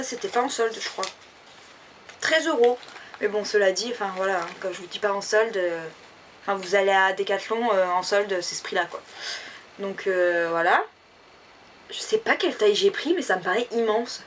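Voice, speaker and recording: A woman's voice: mid-range voice, recorded from a distance, slight background noise. A woman chatting casually in a shopping haul vlog, rambling with lots of fillers. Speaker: vlogger.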